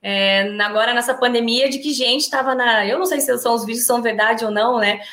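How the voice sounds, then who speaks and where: Professora brasileira animada, voz aguda. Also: female voice, fairly high pitch, a little fast, echoey room, slight background noise. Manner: animated, tag questions, acts out quoted speech. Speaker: university professor. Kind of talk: lively class discussion.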